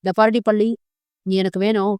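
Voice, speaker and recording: A woman voicing a domineering young husband with a low, pressing, rough-tongued manner. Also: flat delivery, normal speed, darkish tone, no room sound, natural voice.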